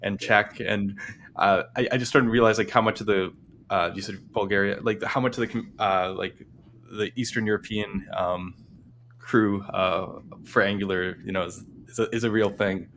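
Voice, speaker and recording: A man's voice: lowish voice, steady tone, normal speed, fairly bright tone, slight background noise. A man hosting a casual tech livestream, rambling with many restarts and fillers. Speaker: livestream host.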